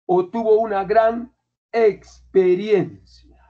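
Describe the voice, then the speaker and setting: High-voiced teacher quizzing students. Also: male voice, fairly even intonation, slow pace. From Peru. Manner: colloquial, keeps quizzing students. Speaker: language teacher. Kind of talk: classroom lecture. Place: classroom. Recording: dull lo-fi classroom recording.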